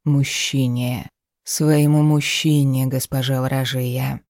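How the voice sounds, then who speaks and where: A reader voicing a husky, tender male mage. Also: measured pace, mellow, no room sound, clean studio sound, natural voice. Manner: low husky murmur.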